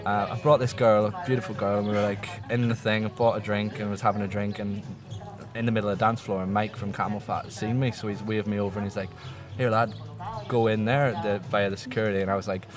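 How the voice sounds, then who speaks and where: A young Irish man with a lowish voice tells a long, rambling story, and he jumps into lively quoted voices as he goes. It is casual podcast chat, with music playing clearly behind him. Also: fast talker. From Ireland. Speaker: guest.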